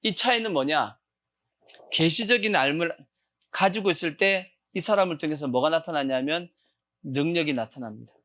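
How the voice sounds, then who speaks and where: Male pastor, fairly high voice, preaching in a call-and-response style with sudden loud shouts. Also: normal speed. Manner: call-and-response questioning of the congregation; bursts into loud acted shouts. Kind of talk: sermon. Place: church sanctuary.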